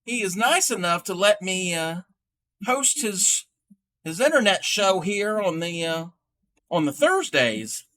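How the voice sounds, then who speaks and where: Man putting on a ninety-year-old granny, high voice, bright tone, folksy, rambling, halting. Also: big pitch swings, exaggerated voice. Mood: chatty. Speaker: livestream host showing crochet. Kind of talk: in-character livestream chat.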